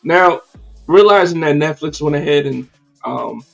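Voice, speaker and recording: A man hosting a casual livestreamed podcast, talking in an animated, slangy and profane way with many fillers. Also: on the high side, measured pace, creaky, muffled recording, faint music behind. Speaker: podcast host.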